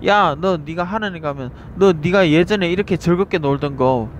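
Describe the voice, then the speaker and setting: A man's voice: a little high, moderate pace, voice pushed up, natural voice. A jeering devil tempts and accuses in a raised, needling voice, as a male preacher puts him on. He fires mocking questions one after another, with faint street noise behind. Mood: tempting.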